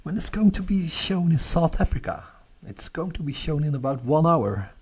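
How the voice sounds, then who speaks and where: His voice is on the high side and husky, delivered at normal speed. The man, who has a Dutch accent, hosts a live astronomy stream about stargazing, casually chatting, replying to comments and laughing a lot in a relaxed manner.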